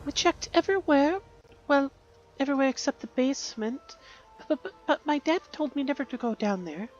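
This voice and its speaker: A woman voicing a timid little child who is scared of a dark basement, reading game dialogue in a nervous, pleading way. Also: sits high, expressive, a little fast, dull audio, soft background music, pitched above the performer's own voice.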